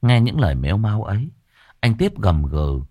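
A man narrating a ghost story in a dramatic, expressive way. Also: fairly low pitch, moderate pace, no echo.

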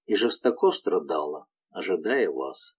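A man reading aloud voices a frightened, gentle young village woman in a tender, pleading manner. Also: low voice, big pitch swings, a little slow, slightly rough, voice pushed down, full character voice.

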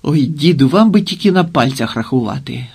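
A man's voice: medium pitch, fairly even intonation, normal speed, darkish tone, lightly acted. A man reading the lines of an eager, hot-tempered Cossack commander in an audiobook. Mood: brash.

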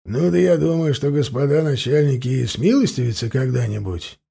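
A man voicing a rough, hot-tempered peasant robber in an audiobook reading, blustering and indignant. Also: medium pitch, lively intonation, fairly quick, dark tone. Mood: defiant.

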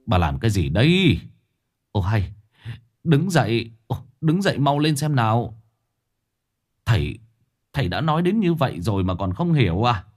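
A man playing a stern, gruff middle-aged father. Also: very deep voice, very animated, unhurried, long pauses, faint music behind, voice pushed down, heavily acted. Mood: scolding. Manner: gruff, scolding.

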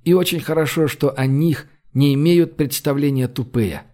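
An anxious, protective man who frets over the others' safety, as a male audiobook reader puts him on. His voice sits a touch higher than usual. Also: moderate pace, warm tone, close to an everyday voice. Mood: worried.

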